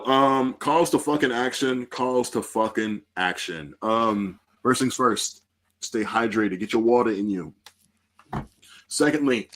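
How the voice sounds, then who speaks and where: A man hosting a casual music podcast, talking in a loose, profane and animated way into a podcast mic. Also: mid-range voice. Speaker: podcast host.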